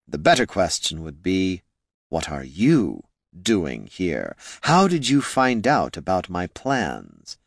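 A man voicing an undead male lich wizard, speaking slowly in a hollow, scornful, condescending way. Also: sits low, wildly swooping pitch, creaky, dry recording, studio quality, full character voice. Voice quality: hollow, slow and drawn-out. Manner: condescending, dryly mocking.

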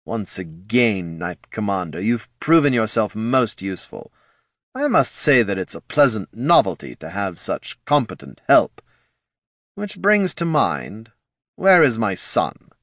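A man's voice: fairly low pitch, very animated, unhurried, a bit bright, no room sound, studio quality, full character voice. A man voicing a skeletal undead lich lord who is imperious, sardonic and impatient.

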